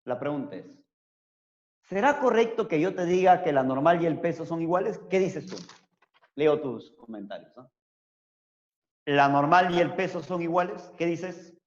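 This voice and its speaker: A man's voice: a little high, expressive, normal speed, pauses often. Man teaching physics in an echoey room. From Peru. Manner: explains step by step, asks rhetorical tag questions. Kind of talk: lecturing an online class. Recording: roomy, reverberant, dull lo-fi sound.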